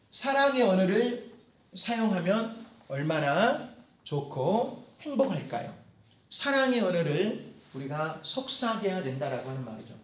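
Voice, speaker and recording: A man, a professor, teaching business Korean in a lecture, slowly repeating phrases and drilling short dialogues for his students. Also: high voice, a bit bright, reverberant.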